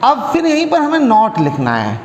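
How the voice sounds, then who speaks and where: A man teaching a classroom English grammar lesson who explains slowly, repeats words and asks the class questions. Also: very high-pitched, wildly swooping pitch, lo-fi sound, slight background noise. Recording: echoey room with a long reverb.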